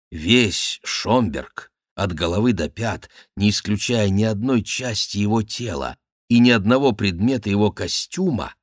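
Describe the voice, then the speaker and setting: A man narrating an audiobook in an expressive, theatrical manner. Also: medium pitch, no echo, clean studio sound. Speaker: audiobook reader.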